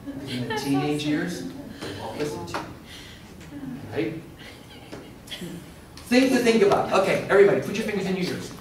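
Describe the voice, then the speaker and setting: A man's voice: high-pitched, big pitch swings, normal speed, pauses often, crowd noise. A middle-aged man presenting a workshop to a live audience, asking questions and talking in an interactive way. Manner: interactive, asks the room questions. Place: classroom or lecture room. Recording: echoey room from far off, faint noise.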